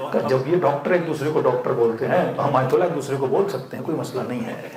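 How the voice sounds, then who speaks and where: A male cleric preaching to a gathering, with a voice pitched a little above the usual for a man. He tells stories and puts questions to the crowd that he then answers himself, with the odd chuckle. The sound carries around a reverberant hall. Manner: asks the audience questions and answers them himself. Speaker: Shia cleric. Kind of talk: sermon with storytelling. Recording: echoey hall.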